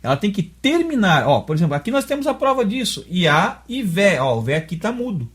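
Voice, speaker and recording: A man's voice: high-pitched, big pitch swings, fairly quick, fairly bright tone, slightly rough. A man with a Brazilian Portuguese accent, teaching a religious lesson step by step and often checking that his listener follows. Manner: explains step by step, often checks understanding with tag questions. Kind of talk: explanatory dialogue lesson.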